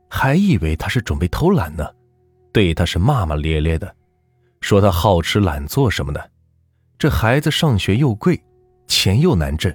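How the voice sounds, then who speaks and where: A low-voiced man tells a folk ghost story with lively, rising and falling intonation. His voice is husky. The recording is dry, with faint background music. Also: no echo.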